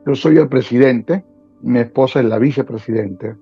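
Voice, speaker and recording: A husky-voiced man in his sixties speaks like a preacher, hammering points home by repeating his phrases. The recording is dull and lo-fi, with faint music underneath. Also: medium pitch, moderate pace. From Venezuela. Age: 60s. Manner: emphatic, repeats phrases for stress. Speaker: Bible teacher guest. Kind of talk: preaching-style interview talk.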